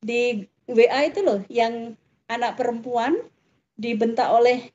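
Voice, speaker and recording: A woman's voice: a little high, steady tone, a little slow, darkish tone, muffled recording. A woman giving a parenting talk in a chatty way, full of tag questions. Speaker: parenting speaker.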